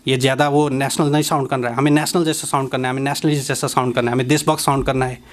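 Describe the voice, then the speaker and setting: A man's voice: mid-range voice, little pitch movement, very fast, slight background noise, voice pushed down, lightly acted. A man voicing a scheming male news editor who talks down to his junior reporter in a patronizing way. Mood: smug, scheming. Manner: patronizing, calls the junior "beta".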